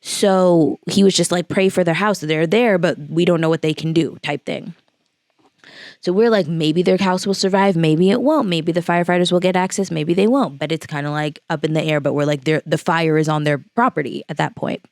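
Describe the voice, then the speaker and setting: Low, gravelly young woman telling a story. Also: moderate pace, a little mellow, dry recording, clean studio sound. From Los Angeles area, California. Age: late 20s. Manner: casual, filler-heavy retelling with quoted dialogue. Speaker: vlogger. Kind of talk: storytime vlog.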